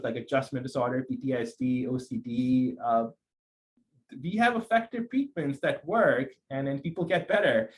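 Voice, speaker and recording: Man from Pakistan, psychiatrist guest, thoughtful, hesitant restarts, medium pitch. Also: poor audio. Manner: thoughtful, many restarts and fillers. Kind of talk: conversational interview.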